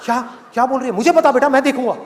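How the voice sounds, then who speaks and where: A man voicing an anxious middle-aged father who talks softly and placatingly, in a reverberant hall with an audience. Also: very high-pitched, rapid-fire, a little hiss or hum. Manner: soft, placating.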